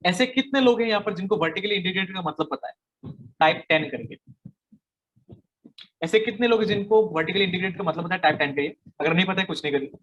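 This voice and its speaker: A man's voice: high voice, quick pace, fairly bright tone, highs cut off. A young man running a sales training session, emphatic and repeating his key points, slipping English slogans into the talk. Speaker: network marketing trainer. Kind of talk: live online training session.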